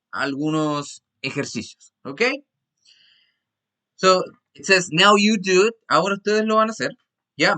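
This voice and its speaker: A man with a Chilean Spanish accent teaches an English class online, walking through each step patiently and often pausing to check that everyone follows. His voice is bright and a little high for a man. He drops into slow, careful English for the example sentences. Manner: patient, repeats "¿ya?" to check understanding; switches between Spanish and slowly spoken English.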